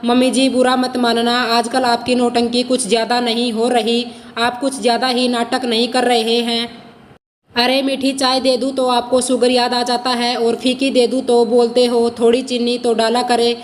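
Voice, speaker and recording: A woman voicing a sharp-tongued young daughter-in-law in a storybook reading, with a scolding manner. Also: fairly high pitch, flat delivery, normal speed, long reverb tail, close to an everyday voice.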